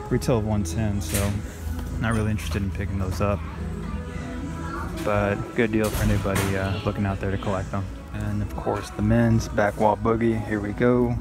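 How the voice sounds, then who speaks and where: A man casually narrating while browsing a store, reading out prices in an offhand way with fillers. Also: fairly low pitch. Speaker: sneaker reseller vlogger. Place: inside a retail store. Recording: loud store music behind. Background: loud music.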